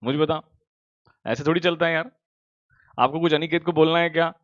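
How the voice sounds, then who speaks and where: A male commerce teacher, at home, in casual chat with students before an online class, teasing them warmly. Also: fairly high pitch, fairly even intonation, brisk, dry recording. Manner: teasing, affectionate, calls students beta. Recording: dull, dry lo-fi sound.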